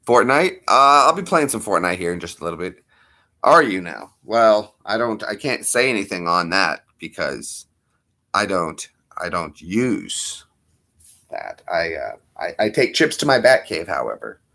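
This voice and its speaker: A man's voice: deep voice, big pitch swings, a little slow, pushed and bright. A man in his thirties chatting on a livestream in a rambling, jokey, self-mocking way. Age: 30s. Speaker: streamer. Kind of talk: casual livestream chat.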